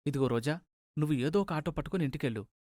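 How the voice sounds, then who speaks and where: A man's voice: a little high, expressive, quick pace, a little mellow, dry recording, studio quality, lightly acted. A man voicing an earnest, assertive young man in a cartoon story. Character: confident young man, a medical student.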